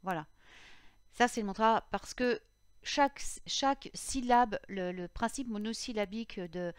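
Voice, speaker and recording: A woman vlogger giving casual advice on magical sleep habits, hesitant and full of fillers and restarts, sometimes reciting mantras slowly syllable by syllable. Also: medium pitch, clean tone, no room sound, studio quality. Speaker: witchcraft vlogger.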